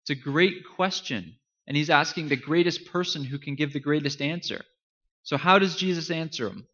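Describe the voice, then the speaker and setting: An earnest male pastor preaching with emphatic, forceful delivery and a fairly high voice. He leans into key phrases and lets dramatic pauses land. The recording sounds slightly muffled. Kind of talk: sermon.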